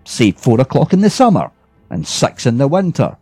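A man's voice: medium pitch, huge pitch swings, normal speed, mellow, breathy edge, no echo, soft background music. A man reading a story aloud, voicing a weary, grumbling male ghost who is sociable but bitter. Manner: grumbling complaints, then friendly.

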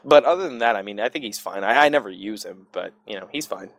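A man from Southern California with an American accent chats casually as a podcast co-host about video games, halting and repeating himself as he goes. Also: fairly low pitch, animated, creaky, fairly bright tone, dry recording. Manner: halting, repetitive, profane.

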